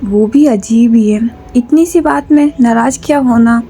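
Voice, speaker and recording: A woman's voice: on the high side, unhurried, dark tone, breathy edge. Woman reading as an easygoing young brother. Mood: casual.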